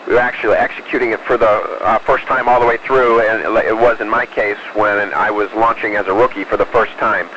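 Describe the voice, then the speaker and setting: A man, an astronaut, answering questions over a space radio link in a measured, explanatory way with hesitant pauses. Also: lowish voice, steady tone, bright, forceful tone, muffled recording, a little hiss or hum. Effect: space radio transmission. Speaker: astronaut aboard the space station. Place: inside an orbiting space station.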